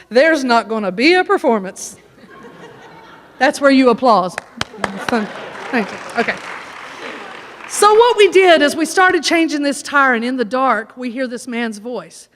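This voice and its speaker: A woman's voice: sits high, measured pace, a faint crowd, slight background noise. A woman, a chorus singer, telling a folksy, funny story to a church audience. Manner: folksy, animated joke-telling. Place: church sanctuary. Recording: echoey church hall.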